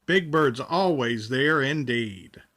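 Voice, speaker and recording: Man as Grover, bright-voiced earnest monster friend. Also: medium pitch, animated, slow pace. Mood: earnest, admiring. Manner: earnest, explanatory. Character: warmly admiring furry monster friend, earnest and helpful.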